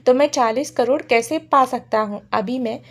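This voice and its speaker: A blustering, greedy older village headman talks in rough rustic speech, pleading one moment and scheming the next, as a woman narrator puts him on. The voice sits fairly high for a man. It comes from a storybook reading. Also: moderate pace.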